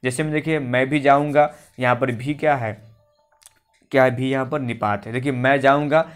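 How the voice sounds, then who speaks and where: A man's voice: medium pitch, a little fast, clean tone. Man explaining grammar to exam students. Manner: explanatory, repeats points and asks himself questions. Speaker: teacher. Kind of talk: exam-prep grammar lesson. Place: coaching class recording.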